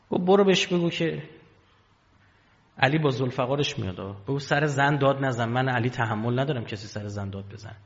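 A man preaching a sermon from the pulpit, telling stories with dramatic swings in loudness and pitch. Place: hall with pulpit. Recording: dull lo-fi sound, long hall reverb.

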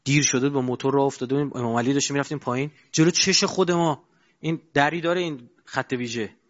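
A man giving a colloquial sermon, asking his audience rhetorical questions and moving between loud and quiet stretches. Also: mid-range voice, fairly even intonation. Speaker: preacher. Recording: dull lo-fi recording.

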